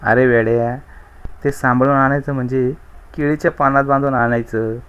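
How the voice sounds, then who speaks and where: A man reading a storybook and voicing an exasperated mother who scolds her foolish son in a raised, higher voice. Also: steady tone, moderate pace, fairly bright tone, clean tone, muffled recording, natural voice. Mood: scolding.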